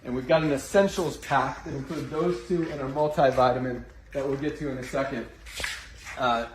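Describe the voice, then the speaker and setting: A man's voice: mid-range voice, normal speed. A man giving a casual promotional tour as a company owner, with an informal, salesy way of talking. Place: indoor warehouse. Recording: echoey, noisy room, distant mic.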